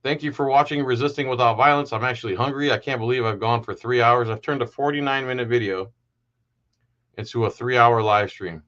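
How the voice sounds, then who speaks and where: A man's voice: mid-range voice, steady tone, a little fast, fairly bright tone, lo-fi sound. A man hosting a live stream, giving heated, sarcastic commentary in a casual way.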